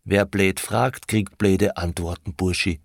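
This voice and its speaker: A man reading the part of a cool, world-weary young woman who speaks broken German, in a low, quiet, laconic tone. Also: steady tone, slow, vocal fry, no echo, studio quality, exaggerated voice. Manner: laconic, unbothered.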